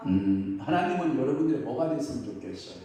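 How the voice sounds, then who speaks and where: A middle-aged pastor questions his congregation as he preaches, folksy and quick to joke about his own family. His voice rings through a very reverberant church hall. He sounds a little off the microphone. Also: medium pitch, big pitch swings, dark tone. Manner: asks the congregation questions and waits for replies; folksy, jokes and acts out family quotes. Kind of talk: Wednesday evening prayer service sermon. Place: church sanctuary. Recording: very echoey hall, mic at a distance.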